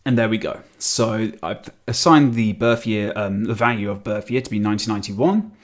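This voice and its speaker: A man's voice: on the low side, normal speed. A man in his thirties teaching programming, thinking aloud with frequent ums and self-corrections as he types. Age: 30s. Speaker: programming tutor. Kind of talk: screen-recorded coding tutorial.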